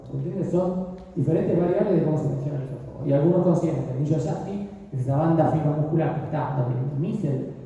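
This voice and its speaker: An older man gives a radiology lecture, frequently stopping to ask his students "¿sí?" to check they understand. His voice is dark, mellow, a little high and has vocal fry. The recording is dull and muffled, picked up from afar in a very echoey room with a long reverb tail.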